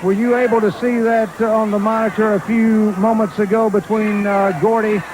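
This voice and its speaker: Male wrestling broadcast host, high pitch, live desk delivery over arena noise. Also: flat delivery, normal speed. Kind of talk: live sports broadcast hosting. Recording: noisy arena crowd behind the voice.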